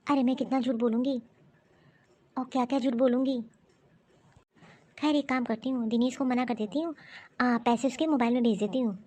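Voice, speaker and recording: A stubborn, untruthful young wife from a cartoon story, voiced by a woman, answering back defiantly. Her voice is high and bright. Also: natural voice. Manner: defiant and argumentative. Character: defensive young wife and mother, lying and stubborn. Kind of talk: animated story voice acting.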